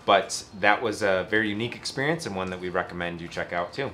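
Seated outdoors beside a camper trailer, a travel vlogger in his thirties chats casually in an easygoing, lightly joking way. He has a low voice with a fairly bright tone and a quick pace, and there's slight background noise.

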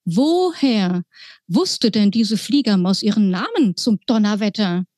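A woman author reading her children's book aloud in a slow, deliberate storytelling manner. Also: medium pitch, expressive, a little mellow, dry recording.

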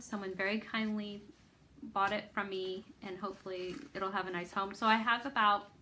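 A woman's voice: mid-range voice, bright, forceful tone, a little hiss or hum. A woman hosting a needlework video, chatting casually about her stitching projects in a rambling, self-deprecating way. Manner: rambling, self-deprecating, lots of ums and restarts.

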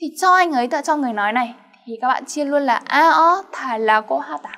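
A woman's voice: high voice, animated, very fast, a bit bright. A woman teaching a grammar lesson, explaining step by step and checking in with her students through frequent questions. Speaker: Korean language teacher.

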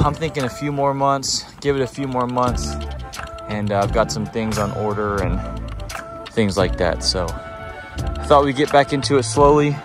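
Young man, casual vlog host, laid-back, outdoor action-camera sound, music under the voice. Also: mid-range voice. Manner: laid-back, says "bro" and "like" a lot. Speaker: vlog host and kayak angler. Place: outdoors at a boat launch and on the water. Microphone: action camera mounted on kayak.

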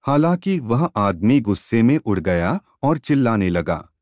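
A man reading a news story as a scripted voice-over in a measured way. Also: medium pitch, big pitch swings, a little mellow, no echo, studio quality. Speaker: news narrator.

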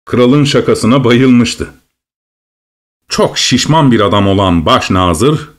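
A man narrating a dark tale as an audiobook, in a dramatic, expressive storytelling manner. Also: mid-range voice.

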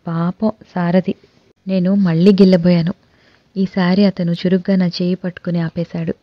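A woman narrating a novel in the first person, her voice sitting on the lower side. The delivery is lively and expressive. The recording sounds dry and slightly muffled. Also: moderate pace, dry recording.

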